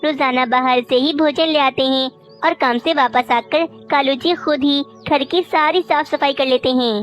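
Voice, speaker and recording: A woman's voice: high-pitched, steady tone, moderate pace, soft background music, close to an everyday voice. A woman voicing a spoiled, scheming young wife crow who talks sharply and scornfully, in a cartoon. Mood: boastful. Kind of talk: cartoon voice acting.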